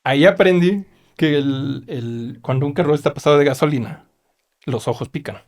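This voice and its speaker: A man's voice: on the high side, moderate pace. A middle-aged man with a Mexican accent, a chief mechanic telling stories in a casual interview and acting out the lines of other people. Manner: animated, acts out quoted dialogue. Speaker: race team chief mechanic.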